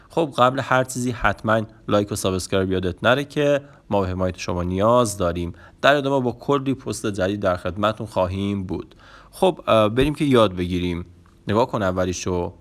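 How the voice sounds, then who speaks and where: A man giving a casual online English lesson, with many fillers, who says the English phrases slowly and draws them out. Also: lowish voice. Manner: slow, drawn-out pronunciation of English phrases. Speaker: English teacher.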